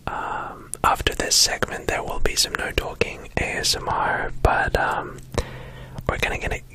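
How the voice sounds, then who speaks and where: An ASMR creator with an Australian accent, whispering softly into a close desk microphone in a small home studio, rambling with many fillers. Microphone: close USB desk microphone.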